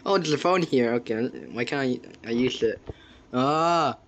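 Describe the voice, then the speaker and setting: Slow-talking young man gaming. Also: mid-range voice, fairly bright tone, dull audio. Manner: slow-paced, puzzled, exclaiming at the game. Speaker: gamer. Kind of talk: casual gameplay chat. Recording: faint background noise.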